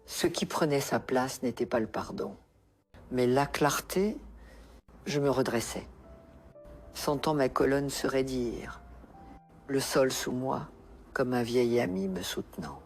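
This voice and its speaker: A woman narrating a first-person life story in a measured, reflective way. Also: very deep voice, darkish tone, faint music behind.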